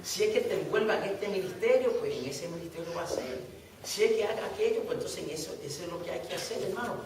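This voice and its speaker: High-voiced fervent middle-aged preacher, echoey hall. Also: male voice, lively intonation, fast. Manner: fervent preaching, repeats phrases, asks "¿verdad?". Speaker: Bible study teacher. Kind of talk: Bible study teaching. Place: church hall. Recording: echoey hall, distant mic, faint hiss.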